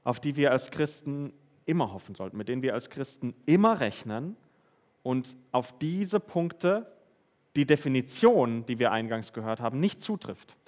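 Male preacher, mid-pitched voice, conversational sermon with Bible reading and many questions to listeners. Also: lively intonation, moderate pace, a little mellow.

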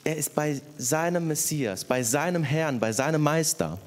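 A man's voice: a little high, expressive, normal speed. A man preaching a sermon, speaking emphatically and addressing the congregation directly with personal stories. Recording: echoey hall with faint noise.

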